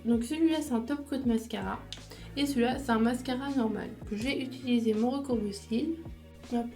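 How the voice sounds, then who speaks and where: A woman's voice: a little high, brisk, darkish tone, faint music behind. A woman chatting casually through her makeup routine step by step, with small fillers as she goes. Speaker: beauty vlogger.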